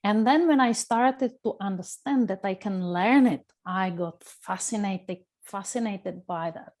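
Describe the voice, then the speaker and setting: A woman's voice: mid-range voice, measured pace, a little mellow. Earnest Czech-accented woman coach. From Czech Republic. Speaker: coach and lecturer. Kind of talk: webinar talk. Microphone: video call.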